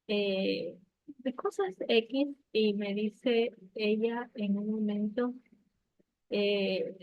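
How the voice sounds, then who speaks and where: A woman's voice: mid-range voice, no room sound. A woman in her thirties sharing a heartfelt testimony at an online prayer meeting, telling her story with many fillers. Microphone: online call. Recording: tinny phone-like call audio, dry.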